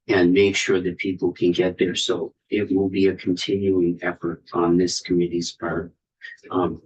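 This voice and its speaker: A man chairing a legislative committee hearing, speaking politely, with frequent "um" pauses. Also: deep voice, poor audio.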